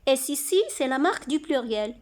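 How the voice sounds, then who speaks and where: A woman teaching young children to read, sounding out syllables slowly and clearly. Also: sits high, expressive. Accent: French-speaking North African. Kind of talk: slow, deliberate reading lesson for children.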